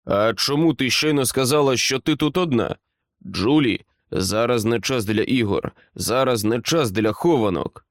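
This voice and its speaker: A man reading aloud, playing a stern middle-aged general who talks in a clipped, commanding, measured way. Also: mid-range voice, dry recording, clean studio sound, close to an everyday voice. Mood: menacing.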